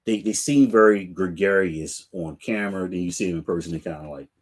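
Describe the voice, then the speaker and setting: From a room full of shoe racks, a middle-aged sneaker channel host talks with viewers in a deep voice, a bit on the fast side. His live chat is casual and easygoing.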